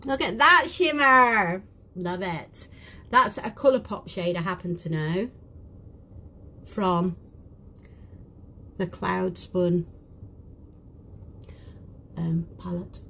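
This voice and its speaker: Woman, broad British accent, unhurried live-stream chatter with whispered asides, small cabin, faint hum behind. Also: fairly low pitch, creaky. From United Kingdom. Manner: chatty, drops into soft whispered asides while working. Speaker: beauty vlogger. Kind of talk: casual live makeup chat. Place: small cruise ship cabin.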